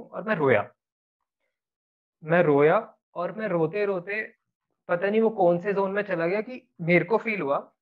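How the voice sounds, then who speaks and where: A man telling a personal story in an earnest, rambling, casual way, slipping in English words. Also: high-pitched. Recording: tinny phone-like sound.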